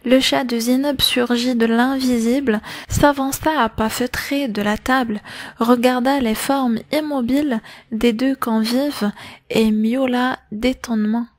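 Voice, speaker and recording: A woman with a high, light voice reads a novel aloud in an unhurried, even storytelling manner. The recording is close and dry, with no room sound. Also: no echo. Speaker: audiobook narrator. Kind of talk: audiobook reading of a novel.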